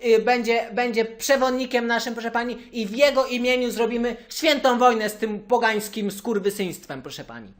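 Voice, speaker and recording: A man's voice: very high-pitched, normal speed, few pauses. A man voicing a hot-tempered young male churchgoer in a prank phone call, ranting and repeating the same phrase of address.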